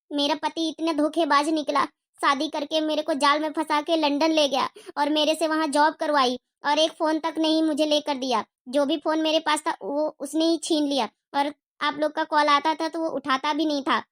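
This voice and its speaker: A woman's voice: high voice, level tone, moderate pace, a bit bright. A woman voicing a remorseful elder daughter who apologizes to her mother. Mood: pleading. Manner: pleading, apologetic.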